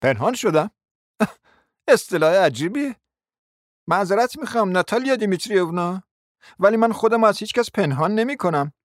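A man's voice: sits high, lively intonation, long pauses, no room sound, studio quality, voice pushed up. Man playing a brusque, offended young suitor. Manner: curt, rough, agitated.

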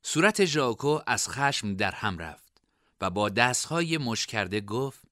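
A man narrating a scripted storybook in an expressive reading style. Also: mid-range voice, no echo, clean studio sound.

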